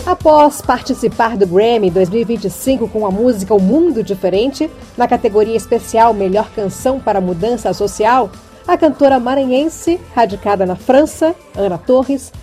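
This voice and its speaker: Brief: woman news correspondent, mellow and fairly high voice, formal scripted read over faint music. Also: animated. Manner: measured, formal delivery.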